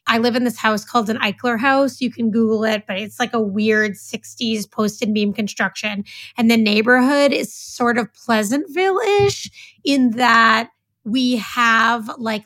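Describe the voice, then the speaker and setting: Bright, chatty woman from California. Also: a little high, dry recording. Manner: enthusiastic, chatty, frequent "like". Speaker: podcast co-host. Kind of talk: casual podcast chat.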